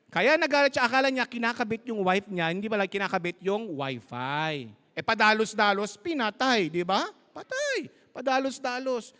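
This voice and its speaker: A man's voice: high voice, a bit bright. A man preaching a live sermon as pastor, emphatic and storytelling, mixing Tagalog and English. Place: large church hall. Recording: live church sound with long reverb.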